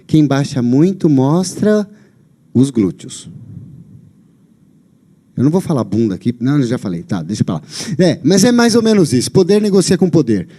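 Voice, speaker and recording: A man's voice: mid-range voice, big pitch swings, a little fast, dark tone. A man with a Brazilian Portuguese accent giving a live lecture on a lapel mic, emphatic and often checking in with his audience. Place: lecture venue.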